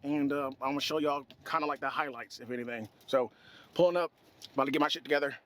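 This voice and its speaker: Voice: mid-range voice, fairly even intonation, fast, fairly bright tone. A person in their twenties chatting casually in a workout vlog, with slangy talk and swearing. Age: 20s. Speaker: gym vlogger. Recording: music playing behind. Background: music.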